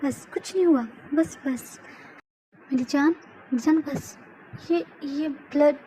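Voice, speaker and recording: A woman's voice: sits high, takes it slowly, dark tone, slight background noise. A woman voicing a stammering young mafia boss. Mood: frantic pleading. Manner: emotional, stammering, pleading. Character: hot-tempered young male mafia boss, devoted lover. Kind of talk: fan audio drama dub.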